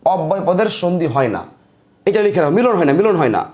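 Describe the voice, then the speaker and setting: A man with a high, light voice and a Bangladeshi Bengali accent teaches a grammar lesson. He dictates notes to his students, quizzes them and repeats each key point so they remember it. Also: big pitch swings, fast talker, darkish tone.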